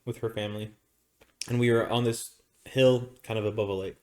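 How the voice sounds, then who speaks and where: A man co-hosting a podcast, telling family stories in a casual, animated way, laughing often and acting out what people said. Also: fairly low pitch, brisk. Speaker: podcast co-host. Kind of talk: casual storytelling.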